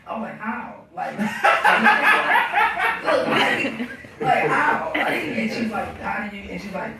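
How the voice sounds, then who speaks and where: In casual group banter, a podcast co-host tells a rambling personal story, restarting it over and over. His voice is high-pitched and gravelly at a moderate pace, recorded noisily on a distant mic in an echoey room.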